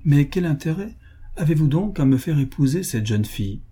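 A man's voice: medium pitch, animated, moderate pace, warm tone, breathy edge. A man voicing an impertinent young duke who talks with a slight whistling hiss.

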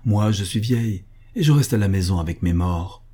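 A man voicing a grieving, dazed old peasant grandmother in a read-aloud story, speaking in a soft but firm, murmuring way. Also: lowish voice, expressive, normal speed, husky. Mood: resigned.

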